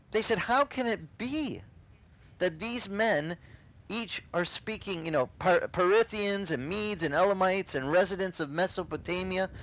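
This pastor is a middle-aged man, not a native English speaker, whose voice sits high. Preaching outdoors on a beach in a casual, animated way, he gestures and performs the voices he quotes, captured in a low-quality recording.

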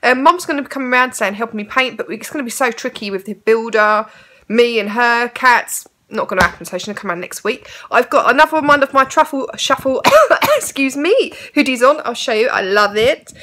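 A woman's voice: on the high side, lively intonation, brisk, bright, forceful tone. A woman, chatting casually to camera at home and rambling a little. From England. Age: 30s. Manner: chatty and rambling, fond baby talk to her cats. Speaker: vlogger. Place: her home, indoors.

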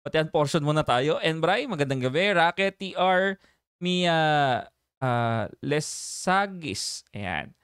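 A man hosting a casual reaction livestream, animated and chatty, laughing often and reading viewer names aloud. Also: fairly high pitch, slow, clean tone, dry recording, clean studio sound.

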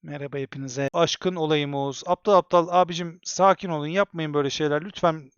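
A male streamer talks straight to his chat, cursing hard and ranting in quick, exasperated bursts. The sound is dry and close, with no room around it. The audio is a little dull and muffled, like a home stream setup. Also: fairly high pitch, fairly even intonation, clean tone, no echo. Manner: swears heavily and rants at chat; fast exasperated outbursts. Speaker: live streamer.

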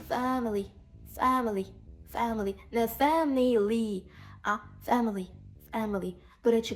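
A woman with a Ukrainian accent teaching English pronunciation, saying example sounds slowly and clearly, with faint music behind. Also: on the high side. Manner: clear, demonstrative, over-articulating example sounds. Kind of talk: pronunciation lesson.

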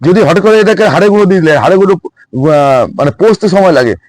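A man grower chats quickly and excitedly about his nursery, often repeating himself. His voice sits high and swings widely. The sound is dry and close. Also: no echo. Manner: excited, repetitive, quick explanations. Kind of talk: casual on-site chat. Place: outdoor plant nursery.

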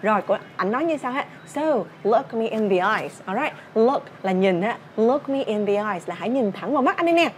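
A woman's voice: a little high, expressive, moderate pace, hardly any pauses, a little hiss or hum. A young woman with a Vietnamese accent teaching English through a song, explaining words and drilling pronunciation.

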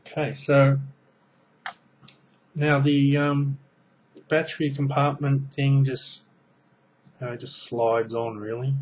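A slow, rambling Australian man reviews a gadget on a lo-fi webcam, his mid-range voice darkish and nearly flat in pitch, with slight background noise. His casual show-and-tell is full of ums and restarts as his hands work the gadget. He's in a small room at home, close to the webcam mic.

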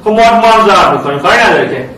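A high-voiced man teaching a math class in a loud, animated way, speaking straight to his students. He sounds far from the microphone in a strongly echoing room, with faint noise behind him. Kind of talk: online class lecture.

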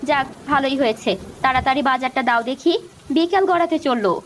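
Woman as gentle cartoon mom, soothing, high voice. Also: quick pace, slight background noise, natural voice. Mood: caring. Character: patient poor village mother, warm and caring. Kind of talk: cartoon voice acting.

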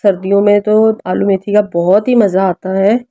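A woman's voice: medium pitch, fairly even intonation, moderate pace, warm tone, dry recording. A woman with a Pakistani Urdu accent, a mother narrating a casual cooking and family vlog at home, chatty and often asking viewers for their help. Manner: chatty, keeps addressing viewers with requests. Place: home kitchen and family room.

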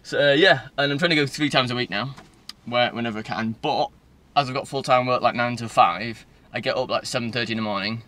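A Northern English man in his twenties rambles casually in a vlog, his medium-pitched voice pushed and bright, moving a little fast with few pauses. He's recording on a phone held at arm's length inside a car, and faint car-interior noise sits in the background. His delivery is informal, loose and prone to digressions.

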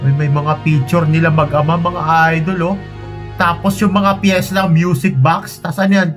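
A man hosting a reaction video, commenting on an animation in an animated, alarmed way, yelping and calling out to his viewers. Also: fairly high pitch, moderate pace. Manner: animated, yelps and shouts in alarm, addresses viewers as idols. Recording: music playing loudly behind.

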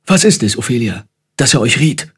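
A man reading a children's audiobook, voicing an older father and royal adviser who is agitated and scolding, with a husky voice. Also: medium pitch, sing-song, normal speed, fairly bright tone, exaggerated voice. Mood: stern. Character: fussy, stern old father and royal adviser.

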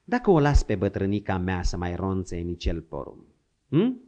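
Man playing a grumbling old hunter, gruff and crafty, swooping lively pitch, dull lo-fi sound. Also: exaggerated voice. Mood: easygoing. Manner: grumbling, scolding, coaxing.

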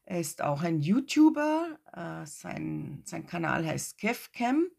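Gravelly, low-voiced woman vlogger. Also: takes it slowly. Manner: relaxed, chatty, with restarts and fillers. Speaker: motorcycle travel vlogger. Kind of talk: casual travel narration.

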